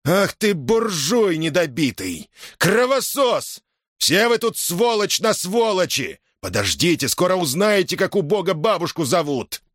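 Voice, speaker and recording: A man's voice: lowish voice, very animated, normal speed, no echo, clean studio sound. Man playing a hot-tempered Cossack soldier. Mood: furious. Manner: heated, boastful, threatening.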